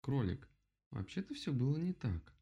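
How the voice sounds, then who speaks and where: A man voicing a calm, sensible female bear in a children's storybook, soft and timid. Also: medium pitch, moderate pace, vocal fry, husky, voice pushed up, heavily acted. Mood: gentle.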